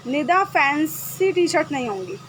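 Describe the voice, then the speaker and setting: A woman hosting a live-stream clothing sale, talking briskly and checking with viewers again and again. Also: high-pitched, big pitch swings, fairly bright tone, a little hiss or hum. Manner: brisk, repetitive, checks with "okay?" often. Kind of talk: live-stream sales chat. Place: home room with generator noise.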